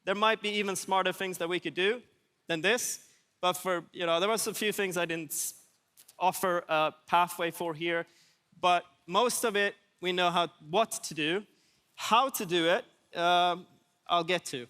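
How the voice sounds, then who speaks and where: Presenting at a conference, this Swedish speaker has a high, smooth voice with a sharp tone and an unhurried pace. His manner is relaxed and wryly humorous, echoing through a big hall.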